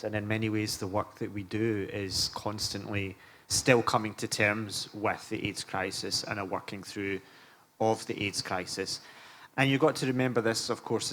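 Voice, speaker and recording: A middle-aged man, a panel speaker and film lecturer, recalls his experiences in a conversational public talk at a live event room in a museum. His voice is on the low side with a sharp tone, and the live room carries faint background noise.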